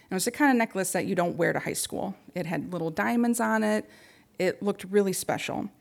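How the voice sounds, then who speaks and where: Woman with a creaky voice giving a talk. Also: mid-range voice, a little fast. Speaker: speaker giving a talk on grief support. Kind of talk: prepared public talk.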